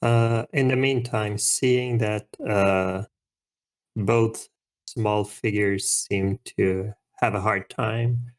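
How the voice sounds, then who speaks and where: A man playing a tabletop game who speaks haltingly, with many fillers. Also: fairly low pitch, fairly even intonation. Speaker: player. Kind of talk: casual tabletop play.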